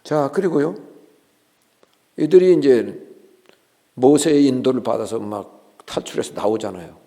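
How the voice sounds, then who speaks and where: A senior pastor preaching a sermon in a church, telling the story in a lively way and acting out the people in it, often calling to the congregation for a response. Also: male voice, mid-range voice, a little slow. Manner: animated storytelling, acting out voices of biblical figures. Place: church sanctuary. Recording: long reverb of a church hall.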